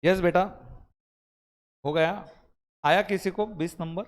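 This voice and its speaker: A man's voice: high-pitched, slow pace. A man teaching an accounting class, quizzing and scolding his students, mixing Hindi with Indian-accented English terms. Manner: scolds and quizzes students, calls them beta. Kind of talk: live class lesson.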